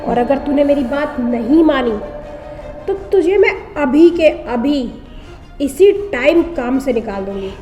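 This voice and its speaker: A woman's voice: sits high, animated, unhurried, warm tone, faint music behind. An actress playing a rich, lonely wife in a scripted short drama. She coaxes at first and then turns bossy and threatening. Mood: scornful. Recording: echoey room with long reverb.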